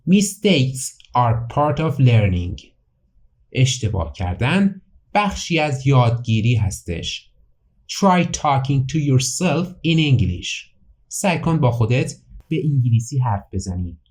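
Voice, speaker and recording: Man teaching English slowly, lively pitch. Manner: reads English slowly and clearly, then translates quickly into Persian. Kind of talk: bilingual language lesson, slow English then Persian translation.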